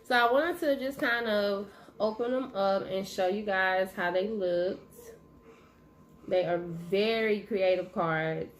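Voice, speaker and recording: A woman's voice: mid-range voice, slow. Chatty woman vlogger chewing gum. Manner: relaxed, chatty, addresses viewers as y'all. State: chewing gum while talking. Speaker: channel host. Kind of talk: casual vlog chat. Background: faint noise of her dog moving around.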